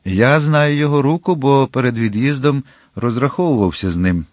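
A man voicing a grave, reserved musketeer in an audiobook, measured and stern. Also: medium pitch, dry recording, studio quality, voice pushed up, lightly acted. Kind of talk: audiobook character reading.

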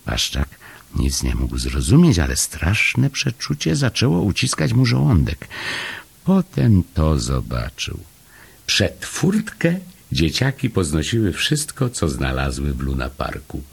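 A man narrating a children's storybook in a calm, measured and gently expressive way. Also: extremely low pitch, vocal fry, husky. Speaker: audiobook narrator.

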